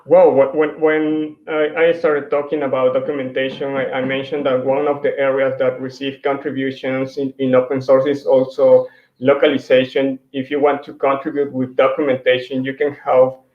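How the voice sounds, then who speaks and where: Giving a virtual tech talk, a man from Mexico, a native Spanish speaker, moves through his slides at an ordinary pitch with little pitch movement. His delivery is hesitant, full of fillers and restarts. The sound is somewhat dull and lo-fi, coming through a computer mic on a video call in an echoey room.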